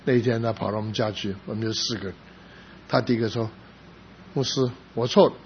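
A middle-aged man preaching a sermon as a pastor, telling a personal story with rising emphasis and sudden soft drops. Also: fairly low pitch, steady tone, fast talker. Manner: emotional storytelling, rising to loud emphasis then dropping soft. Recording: slightly dull recording with faint background noise.

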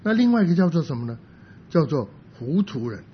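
A man's voice: very animated, brisk. A man preaching a sermon, explaining by asking rhetorical questions and now and then dropping in English words. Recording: dull lo-fi sound with faint rumble.

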